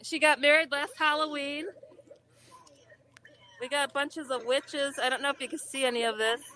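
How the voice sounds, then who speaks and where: Bright female voice, high pitch, radio guest, casual, upbeat chat. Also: fairly even intonation, normal speed, a little hiss or hum.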